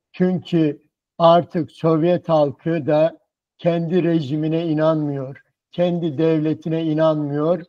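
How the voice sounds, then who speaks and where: Slow solemn guy closing a conference, mellow dark voice, muffled audio. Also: on the high side. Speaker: conference chairman. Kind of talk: formal closing speech.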